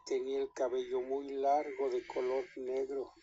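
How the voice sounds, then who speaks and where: A man with a Mexican accent telling a scary story in an unhurried way, with small restarts mid-sentence. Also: medium pitch, completely flat delivery, dark tone, lo-fi sound.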